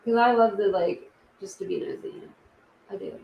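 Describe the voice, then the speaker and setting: A young woman with a medium-pitched voice hosts a casual true crime livestream for her YouTube channel, speaking at normal speed. She's chatty and rambling, restarting often, and the sound is reverberant with the highs cut off.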